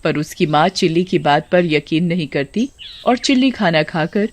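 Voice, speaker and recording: Cartoon story narrator, calm scripted telling, middle pitch. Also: normal speed. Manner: even, storytelling.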